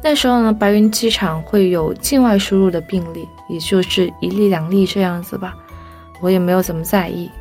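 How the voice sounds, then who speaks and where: A young woman telling a personal story as a podcast guest, lively and animated, briefly voicing the people she quotes. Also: on the low side, fairly quick, soft background music.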